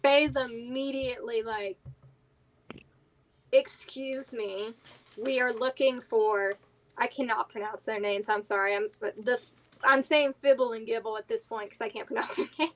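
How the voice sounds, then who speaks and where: A woman's voice: fairly high pitch, brisk, hardly any pauses, low-quality recording. A woman chatting casually as a player in a tabletop role-playing game.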